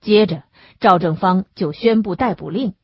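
A woman narrating an audiobook in an expressive storytelling manner, on a dull, lo-fi recording. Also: medium pitch, moderate pace, breathy edge, no room sound.

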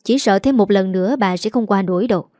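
A woman voicing a grave old male doctor giving a calm warning, in a Southern Vietnamese accent. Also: medium pitch, no echo, clean studio sound, natural voice. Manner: grave, measured.

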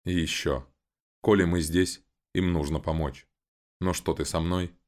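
A man reads a steady young man in an audiobook with a very deep, low voice. He sounds serious and reassuring, never rushed. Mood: resolute. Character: young man, calm and resolute brother. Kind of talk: audiobook voice acting.

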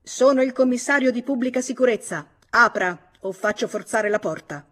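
A woman's voice: medium pitch, normal speed, natural voice. A woman reading aloud, voicing a stern, formal male police commissioner in an audiobook. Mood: commanding. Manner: formal, authoritative, insistent.

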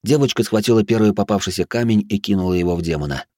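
Male audiobook narrator, low voice, dramatic delivery, dry close mic. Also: quick pace, no room sound. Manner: dramatic, expressive reading. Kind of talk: scripted narration.

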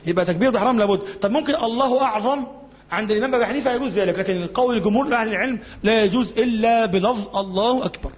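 Quick and high-voiced, this male Egyptian sheikh teaches conversationally in colloquial Egyptian Arabic in a mosque classroom, posing questions to his students, answering them, and demonstrating chanting. The recording is dull and lo-fi, with hall echo that lingers.

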